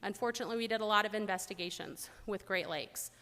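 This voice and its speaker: A middle-aged woman, an air safety investigator, giving a blunt, joking conference talk with animated storytelling. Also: medium pitch, fast talker, in a large hall. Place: large conference hall.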